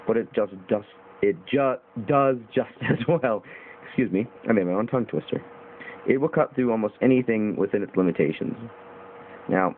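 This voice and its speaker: Over thin, phone-like audio with a faint underlying hiss, a young man reviews a knife in a casual video. His voice sits a little low, and his rambling, informal talk is filled with ums and uhs plus some mild swearing.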